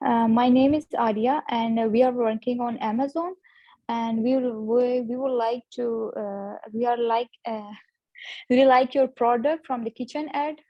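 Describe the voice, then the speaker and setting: A woman student doing a practice call in halting English, hesitant and full of fillers, heard over a video call. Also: on the high side, steady tone, no room sound, muffled recording. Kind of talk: role-play practice call.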